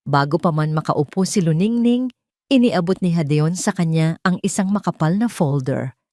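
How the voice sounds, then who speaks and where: A Filipino-accented woman reads a scripted dramatic story as a storyteller. Her animated voice sits on the low side with a darkish tone and a moderate pace. The studio recording is clean with no echo.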